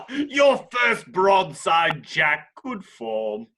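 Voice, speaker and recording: A man's voice: high-pitched, wildly swooping pitch, extremely slow, bright, forceful tone, exaggerated voice. A man playing a gleeful, villainous pirate captain in a table read, theatrical and mocking. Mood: gleeful, menacing. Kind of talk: amateur table read acting.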